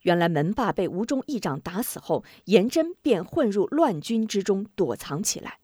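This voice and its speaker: Woman storyteller, lively pitch, dry close mic, dramatic martial-arts narration. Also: moderate pace, slightly rough, dry recording. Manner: lively, acts out shouting characters.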